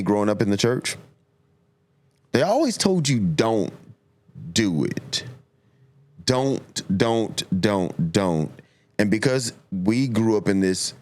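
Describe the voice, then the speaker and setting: A middle-aged man with a very low voice speaks slowly and deliberately. He gives reflective, conversational advice, repeating phrases for emphasis. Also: darkish tone. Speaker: talk show speaker giving relationship advice.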